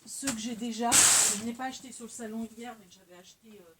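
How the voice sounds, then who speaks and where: Her voice is a little high and fairly even in intonation, and her delivery is brisk. As a craft vlogger she chats casually about a haul, showing items to her viewers in a hesitant, rambling way with many self-corrections. Hiss sits in the background of a clear recording.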